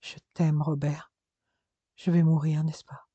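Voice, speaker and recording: A woman's voice: deep voice, little pitch movement, slow, warm tone, husky, no room sound, highs cut off, heavily acted. A man voicing a tender young mother who is dying, speaking in a faint, breathless murmur.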